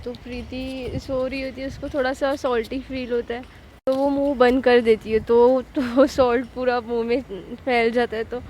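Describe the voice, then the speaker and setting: A young woman narrates a story in a casual, expressive way. Her voice sits fairly high, with a faint hiss of noise behind it.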